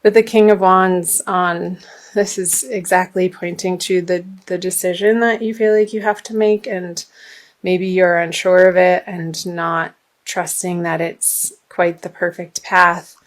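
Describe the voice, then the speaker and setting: A woman giving a tarot reading, gently reading guidance text aloud, her voice slightly hoarse. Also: lowish voice, little pitch movement, a little slow. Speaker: tarot reader.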